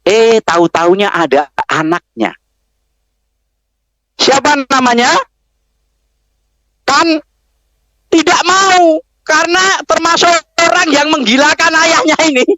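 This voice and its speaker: A man's voice: extremely high pitch, lively intonation, takes it slowly, pauses often, bright, forceful tone, no room sound, poor audio. A man preaching a sermon to students, telling a story and firing rhetorical questions at the crowd. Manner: keeps asking the audience rhetorical questions. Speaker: preacher addressing Islamic boarding school students.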